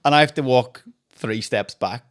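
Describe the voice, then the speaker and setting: A man's voice: mid-range voice, moderate pace. A young man, a podcast co-host, telling a funny story in casual chat with lots of laughing and swearing.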